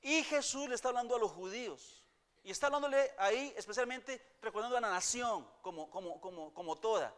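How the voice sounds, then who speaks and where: A man preaching a sermon to his congregation, swinging from loud declaiming to hushed tones and repeating phrases for emphasis. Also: high-pitched, fairly quick. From Costa Rica. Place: church. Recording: church hall reverb.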